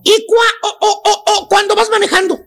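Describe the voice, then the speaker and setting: A shrill, piercingly high radio professor, with a gravelly rasp under every word. He preaches at his co-hosts in crude slang, shouting his points as a radio comedy bit. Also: level tone, moderate pace, very noisy. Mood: ranting. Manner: lecturing rant full of slang, frequently shouting. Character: ranting middle-aged male radio professor, crude and preachy. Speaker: comedy character on a radio show.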